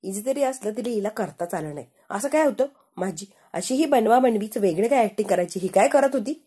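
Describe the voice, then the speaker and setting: A woman's voice: medium pitch, animated, brisk, warm tone, breathy edge. Woman reading a stubborn, defensive young husband. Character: stubborn young husband who won't admit he lost.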